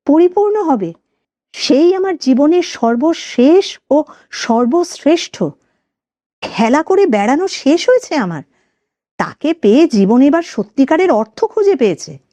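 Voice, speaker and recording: A woman's voice: high voice, mellow, no room sound, pitched above the performer's own voice. A woman voicing a self-assured young male lover who speaks firmly with a faint sarcastic edge, in an audio story.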